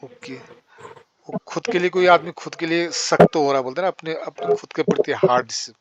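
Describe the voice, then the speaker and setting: A man teaching English grammar in Hindi, explaining with repeated example sentences and saying the English ones very slowly. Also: fairly high pitch, highs cut off, slight background noise.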